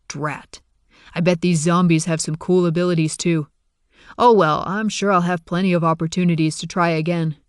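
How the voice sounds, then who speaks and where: A man's voice: fairly high pitch, level tone, normal speed, clear, resonant tone, no echo. Wry first-person audiobook narrator, man, dry close mic.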